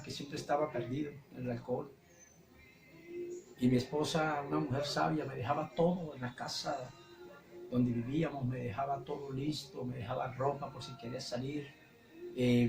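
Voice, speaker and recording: A man's voice: medium pitch, creaky. A man with a Colombian accent giving an earnest religious testimony, repeating phrases as he recounts. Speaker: testimony speaker. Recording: echoey room with background music.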